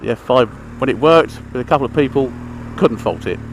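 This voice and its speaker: Brisk and lively in intonation, this mid-range speaker gives a chatty, rambling gear review while riding his motorcycle. He keeps it matter-of-fact, and the helmet-mic audio carries engine, traffic and outdoor sounds.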